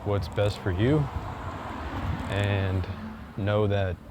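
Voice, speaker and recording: A man's voice: on the low side, fairly even intonation, extremely slow. A man vlogging outdoors on a walk, talking in a rambling, hesitant way full of fillers and restarts. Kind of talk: casual chat while walking. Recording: loud wind noise on the mic.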